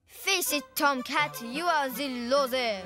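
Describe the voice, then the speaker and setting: An actress voicing a young girl who pretends to be a suave French tomcat, speaking slowly in a bad fake French accent. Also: high voice, music in the background. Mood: romantic.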